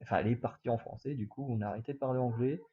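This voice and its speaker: A man's voice: medium pitch, very fast, breathy edge, lo-fi sound. A young man from France telling a casual vlog story, rambling with lots of fillers and restarts. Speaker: vlogger.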